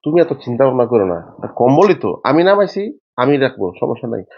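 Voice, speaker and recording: A man's voice: mid-range voice, big pitch swings, quick pace, vocal fry, breathy edge, lo-fi sound. A young man acting a husband in a domestic drama, flustered, stammering and evasive.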